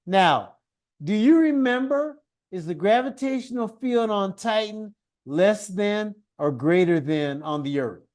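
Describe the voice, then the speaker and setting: A man's voice: high voice, expressive, unhurried, a little mellow. A man teaching a one-on-one science lesson, patient and encouraging, guiding his student with questions and praise.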